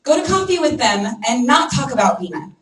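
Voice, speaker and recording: A woman giving a lively training talk to a room of people, checking in constantly with "okay?" and "right?". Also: high voice, brisk. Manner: energetic, acts out prospects' voices, frequent "okay?" and "right?". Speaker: network marketing trainer. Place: meeting room with an audience. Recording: echoey room, mic from far off.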